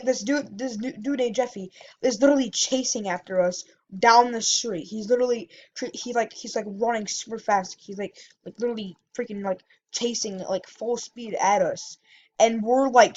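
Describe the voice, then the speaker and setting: A woman's voice: on the high side, dull audio. A woman vlogger telling a story in a casual, rambling way, full of fillers and self-corrections.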